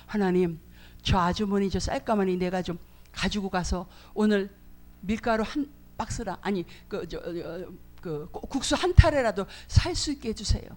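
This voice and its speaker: Brief: a destitute father stammering a humble prayer, as a woman preacher acts him out; low, soft, hesitant. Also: lightly acted. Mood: pleading. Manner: pleading, halting with hesitations. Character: poor desperate father pleading with God.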